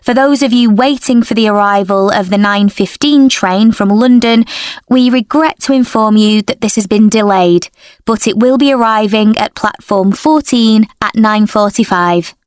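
An actress playing a polite station announcer, giving a formal, measured railway announcement for a listening exercise. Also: female voice, mid-range voice, clear, resonant tone, dry recording, studio quality, natural voice. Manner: formal, measured public-address delivery.

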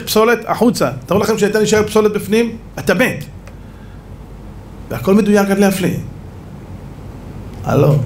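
Rabbi giving a lively, animated Torah lesson. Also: male voice, a little hiss or hum. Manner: animated, swings between loud exclamations and low asides. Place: room with an audience.

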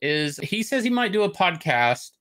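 Speaking at normal speed in a high, sing-song voice with a slightly bright tone, this middle-aged comics talk show host chats over a video call from an indoor room. His commentary is casual, opinionated and meandering.

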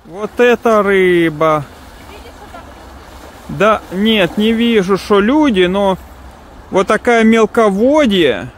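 Man slowly narrating his catch outdoors. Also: high-pitched, lively intonation, a little hiss or hum. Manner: slow, offhand running commentary on his catch. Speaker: fishing vlogger. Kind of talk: casual fishing vlog commentary. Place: outdoors by a river and pond. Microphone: phone camera in hand.

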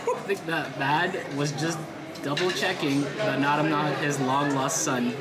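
A man's voice: a little high, measured pace, very noisy. A man in his thirties, born in the Philippines and raised in Canada, chatting casually about food as a travel vlogger, filmed on a camera held close. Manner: relaxed, chatty, savoring each bite aloud. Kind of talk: casual food vlog commentary. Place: busy restaurant indoors. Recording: crowded room chatter and music behind.

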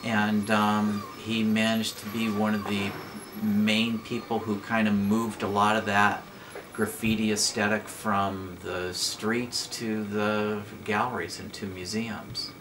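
A man's voice: fairly low pitch, flat delivery, takes it slowly. A man, a school librarian, answering interview questions in a rambling way, searching for words. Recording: clear room noise behind voice.

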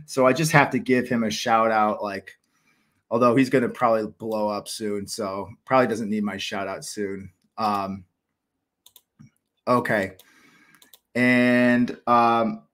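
An American man in his thirties hosts a cricket channel livestream from a small room at home, his lowish voice a bit bright. He rambles enthusiastically and casually, with lots of fillers and restarts.

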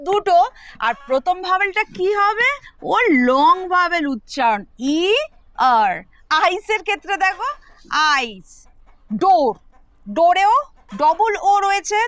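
A woman's voice: very high-pitched, a bit bright. A woman with a Bengali accent teaching children English spelling, patiently sounding out words step by step. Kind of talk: explaining spelling rules to children.

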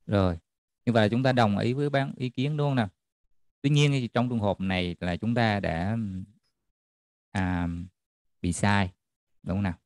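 Man, math tutor, lowish voice, dry close sound, keeps asking students if they follow. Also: normal speed, pauses often, no room sound. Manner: checks in often with students, repeating "được chưa?". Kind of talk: online class lecture.

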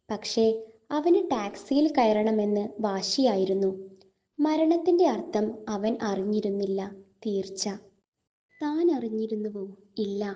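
Higher-pitched woman reading a story. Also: lo-fi sound. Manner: measured, expressive storytelling. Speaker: story narrator. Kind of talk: literary short story reading.

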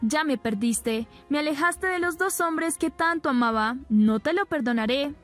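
A woman's voice: high voice, lively intonation, moderate pace, soft background music, voice pushed up. Young wife, hurt and reproachful, read by a woman narrator.

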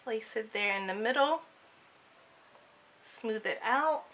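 A woman's voice: on the high side, slow, a bit bright, slight background noise. A woman in her thirties giving casual, step-by-step craft tutorial narration.

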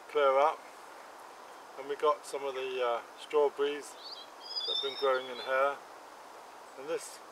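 A middle-aged man hosting a gardening vlog, talking in a plain, chatty way about his beds. His voice sits a little high for a man. It was recorded outdoors on an allotment, with a faint hum of insects and country air behind him. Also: fairly bright tone, low-quality recording. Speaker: allotment gardening channel host. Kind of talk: casual walk-around vlog.

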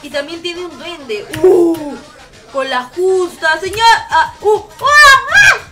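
A woman's voice: very high-pitched, slow pace, soft background music. A young woman streaming a game live, chatting with viewers, shrieking and swearing as she plays. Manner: excitable, shrieks and swears while playing.

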